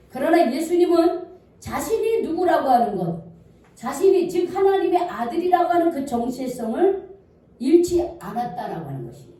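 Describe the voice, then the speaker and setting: A woman's voice: high voice, dark tone. A woman pastor preaching a sermon in a church, putting questions to the congregation and answering them herself. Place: church sanctuary. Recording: echoey church hall, voice from far off.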